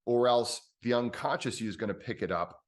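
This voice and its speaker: A man coaching on breathwork in a relaxed conversation, thinking out loud with restarts and bursts of emphasis. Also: mid-range voice, a little fast. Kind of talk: conversational explanation.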